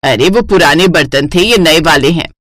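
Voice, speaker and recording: Cartoon voice: woman playing a bossy mother-in-law, low and scolding, dry close sound. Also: expressive, moderate pace, fairly bright tone, no echo. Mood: nagging. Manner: scolding, taunting. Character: nagging middle-aged mother-in-law, bossy and taunting.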